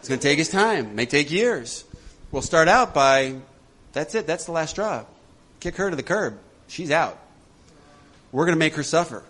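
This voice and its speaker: A man leading a recovery workshop for a group, animated and laughing often as he acts out voices. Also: a little high, normal speed. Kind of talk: talk to a group.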